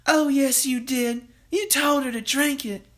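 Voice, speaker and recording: Narrator's high, fretful storybook mother, wailing and pleading, drawn out. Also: steady tone, measured pace, a bit bright. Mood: frantic. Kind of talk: storybook read-aloud.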